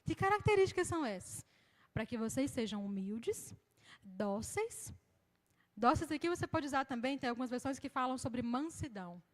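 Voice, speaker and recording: A Brazilian woman minister preaching a sermon in a lively, conversational way, acting out the people she quotes. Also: high-pitched, moderate pace. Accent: Brazilian Portuguese. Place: church hall. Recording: long hall reverb.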